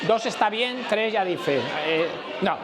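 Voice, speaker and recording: Lively high-voiced Madrid speaker. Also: male voice, slow pace, crowd noise. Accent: Madrid Spanish. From Spain. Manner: animated, questions the audience, blunt and colloquial. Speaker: conference speaker. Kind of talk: lively conference talk to an audience. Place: conference room before a live audience.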